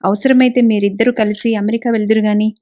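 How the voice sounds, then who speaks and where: A woman reading the part of a kindly middle-aged male village doctor, speaking gently and reassuringly. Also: mid-range voice, steady tone, quick pace, slight background noise, lightly acted. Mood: caring. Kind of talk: audiobook character reading.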